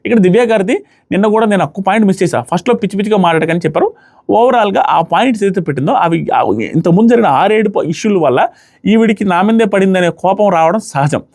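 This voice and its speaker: A man with a Telugu accent giving a fast, animated, casual review of a TV show, mixing in English words. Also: high voice.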